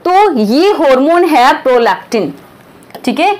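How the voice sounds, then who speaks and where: Woman, higher-pitched voice, chatty product presenter who keeps checking in with viewers. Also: very animated, unhurried. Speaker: product presenter and health adviser. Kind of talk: conversational promotional explainer.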